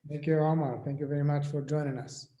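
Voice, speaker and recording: A man's voice: fairly high pitch, level tone, warm tone, reverberant. A man hosting an online meeting, calling on participants one by one and hesitating with fillers. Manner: halting, with many fillers. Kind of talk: introducing participants in casual chat. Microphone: video call.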